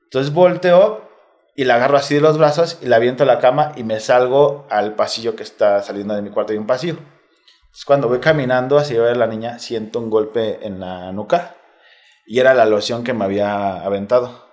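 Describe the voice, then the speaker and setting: A retired footballer with a Mexico City Spanish accent, guesting on a casual interview, recounts a personal story step by step, candid and full of slang. His voice is medium-pitched, fairly quick, with a darkish tone.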